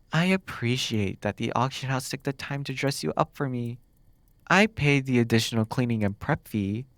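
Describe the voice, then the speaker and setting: In an ASMR roleplay, a man plays a smug demon captor, flirting and teasing as he muses with pauses. His natural voice has a middling pitch and a clear, resonant tone. The sound is dry, close-miked and free of echo.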